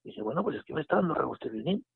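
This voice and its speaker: Gravelly man from on a phone line. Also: on the high side, rapid-fire. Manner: animated retelling with quoted dialogue and restarts. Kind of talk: casual storytelling.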